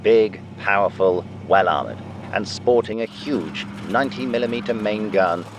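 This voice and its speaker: A man's voice: lowish voice, normal speed, background noise. A man reading scripted wartime newsreel narration in a dramatic, declarative way. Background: music under the narration.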